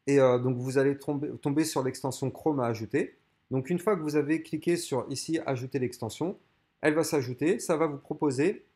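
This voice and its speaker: A man's voice: mid-range voice, a little mellow. A man hosting his own channel, giving an informal step-by-step tutorial over a screen recording. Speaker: channel host.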